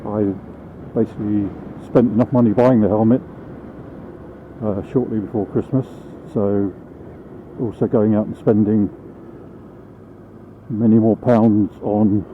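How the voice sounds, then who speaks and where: A man's voice: lowish voice, fairly even intonation, unhurried, pauses often. A British man chatting casually as he rides a motorbike, vlogging from inside his helmet. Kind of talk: casual vlog monologue while riding. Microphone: small microphone mounted inside the helmet. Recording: phone-like helmet microphone, clear vehicle noise. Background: vehicle and road noise.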